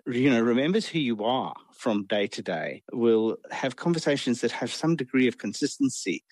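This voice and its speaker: A man's voice: medium pitch, lively intonation, moderate pace, a little mellow, dry recording. A man, a professor, talking thoughtfully in an interview clip with some fillers.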